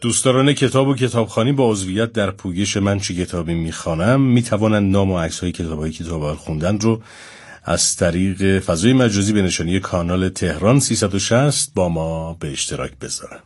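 A man reading a brisk, businesslike promotional radio announcement. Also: low voice, a little mellow.

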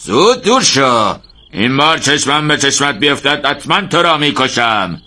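A man's voice: medium pitch, sing-song, pushed and bright, voice pushed up. A man voicing a harsh male soldier captain who barks threats. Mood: threatening. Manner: menacing, barking.

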